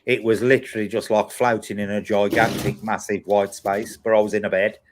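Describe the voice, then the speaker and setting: A man with a fairly deep voice hosts a casual chat. He tells personal anecdotes in a blunt, repetitive way, as if talking to regular followers. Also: level tone, fairly quick, noisy background. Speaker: host of a paranormal live chat.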